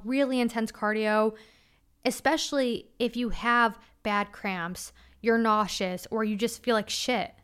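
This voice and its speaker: A woman's voice: fairly high pitch, a bit bright, clear, resonant tone. A woman in her twenties hosting a solo podcast, talking frankly and casually with crude slang. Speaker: podcast host.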